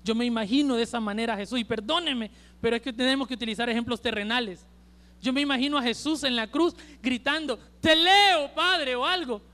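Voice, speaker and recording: A male preacher with a Honduran accent delivering an emphatic sermon at a church service, swinging between loud and hushed. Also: very high voice, quick pace. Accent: Honduran Spanish.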